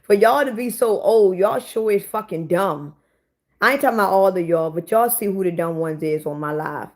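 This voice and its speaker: This casual livestream features a woman in her forties talking with her viewers and bluntly cursing back at commenters. Her voice is medium-pitched and her speed is normal.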